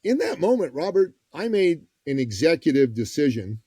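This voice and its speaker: Husky, warm-toned man telling a story. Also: fairly high pitch, normal speed, dry recording. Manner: lively, acts out quoted voices; direct, folksy phrasing. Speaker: podcast guest, business coach. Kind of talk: conversational storytelling.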